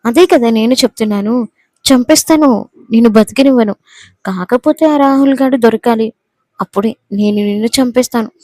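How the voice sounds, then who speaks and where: A woman's voice: a little high, steady tone, fairly quick, mellow, no room sound, lightly acted. Woman reading as a sneering cruel young husband. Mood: menacing scorn. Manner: mocking, menacing, sneering.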